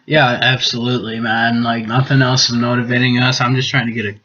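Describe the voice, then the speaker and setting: A man's voice: medium pitch, little pitch movement, fairly quick, pushed and bright. A young man from the US Midwest co-hosting a casual podcast, laid-back and saying "man" a lot. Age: young adult. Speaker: podcast co-host. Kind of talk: casual chat. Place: apartment living room. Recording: dull lo-fi home recording.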